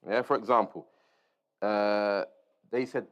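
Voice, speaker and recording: A man teaches an informal Islamic lesson slowly, reading aloud, explaining as he goes and checking in with short tags to his listeners. His voice is fairly low and a bit bright, with fairly even intonation, in a dull, lo-fi recording.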